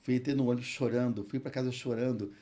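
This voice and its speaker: A man with a Brazilian Portuguese accent, a hospital chaplain and pastor, tells an earnest testimony in an interview and recites scripture slowly. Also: medium pitch, steady tone, warm tone. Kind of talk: emotional testimony in a podcast interview.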